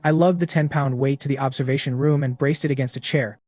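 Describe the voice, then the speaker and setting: A man narrating a story recap in the first person, in a steady, matter-of-fact way. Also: medium pitch, fast, dry recording.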